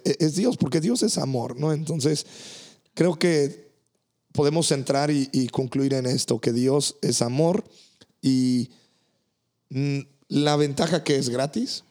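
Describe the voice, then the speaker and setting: A man, a pastor hosting a faith podcast, speaking earnestly with many halting restarts. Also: medium pitch, dark tone.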